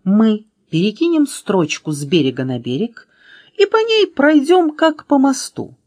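A woman voicing a clever, quick-tempered young girl in a children's story, raising her voice high and sounding excited. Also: no echo, studio quality, exaggerated voice. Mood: sly. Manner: high, excited, sometimes mocking.

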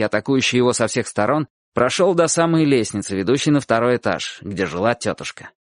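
A man narrating a storybook in a lively, expressive reading voice. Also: mid-range voice, no room sound, studio quality.

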